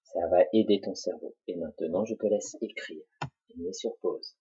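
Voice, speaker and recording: A man teaching a dictation lesson, slowly spelling out syllables for children to repeat and write. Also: low-pitched, dark tone, husky. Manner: slow, deliberate, spells out syllables. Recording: dull lo-fi recording.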